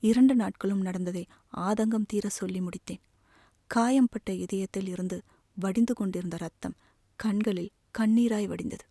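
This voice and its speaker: A woman narrating an audiobook novel in a measured, emotive way. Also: mid-range voice, warm tone, no echo, clean studio sound. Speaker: audiobook reader.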